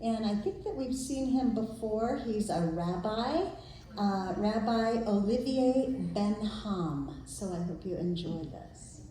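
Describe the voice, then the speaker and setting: Soft-spoken woman leading a service. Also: medium pitch, lively intonation, slow pace, a little hiss or hum. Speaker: service leader. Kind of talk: introducing a video at a service. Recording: echoey room.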